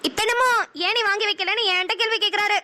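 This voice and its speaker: A woman's voice: very high-pitched, fairly even intonation, very fast, bright, forceful tone, full character voice. A woman voicing an anxious, tender young village woman in a cartoon, emotional. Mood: teasing. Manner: emotional, teasing then tearful. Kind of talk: cartoon dialogue acting.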